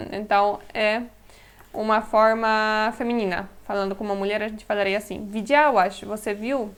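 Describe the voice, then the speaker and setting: A woman whose first language is Polish, teaching Polish words in a slow, explanatory lesson, repeating each word carefully and laughing lightly now and then. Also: mid-range voice, fairly even intonation, clean tone.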